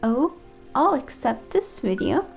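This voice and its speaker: A woman's voice: sits high, very animated, takes it slowly, gravelly, muffled recording, soft background music, exaggerated voice. A woman reading as a fretful robot AI caretaker. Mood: concerned. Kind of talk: reading game dialogue aloud.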